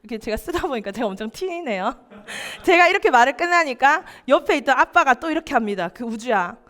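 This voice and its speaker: A woman's voice: high voice, animated, fairly quick, a bit bright. A young woman preaching to a church youth group, often asking the listeners questions and acting out family quotes. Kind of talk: sermon.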